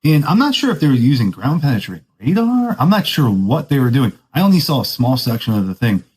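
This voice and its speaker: A man's voice: medium pitch, sing-song, fast, darkish tone, poor audio. A man hosting a podcast, telling a rambling story in casual surfer talk, self-mocking and laughing often. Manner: laid-back surfer talk, keeps saying "dude". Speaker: podcast host.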